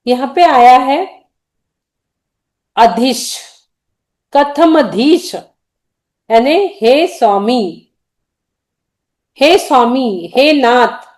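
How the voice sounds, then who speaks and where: High-voiced woman teaching hymn pronunciation. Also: expressive, very slow, long pauses, a little mellow. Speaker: teacher of devotional hymns. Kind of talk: recitation lesson with chanted verses.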